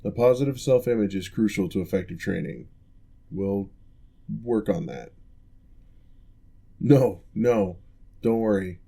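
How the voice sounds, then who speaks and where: A man voices a former orc general turned physical therapist for an ASMR roleplay, giving the composed character a slightly low, mellow tone and a measured, formal, reassuring delivery. Here the performance turns expressive, creaky and heavily acted, with an indignant mood.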